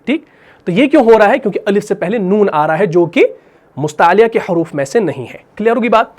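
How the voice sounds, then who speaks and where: A man with a Pakistani Urdu accent gives a tajweed lesson. He explains each rule patiently and says it again more than once. He stretches vowels out slowly to show how a recitation should sound. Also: high voice, animated. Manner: explains patiently, repeats rules, models drawn-out recitation. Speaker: Quran recitation teacher.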